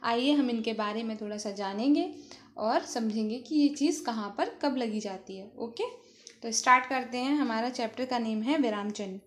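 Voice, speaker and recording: A school teacher with a slightly high voice gives her students a grammar lesson, explaining slowly. She poses questions to them and then answers them herself.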